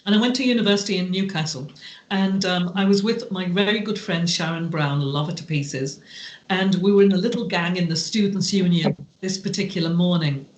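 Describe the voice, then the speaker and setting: A woman guest on a podcast, telling stories slowly and deliberately in a heartfelt, reflective way. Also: fairly low pitch. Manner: slow, deliberate, heartfelt delivery. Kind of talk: reflective storytelling in conversation. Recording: roomy echo.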